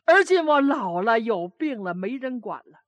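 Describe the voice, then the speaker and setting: A woman's voice: on the high side, expressive, measured pace, no room sound. A woman voicing a grieving old grandmother who scolds, then pleads with remorse. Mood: scolding.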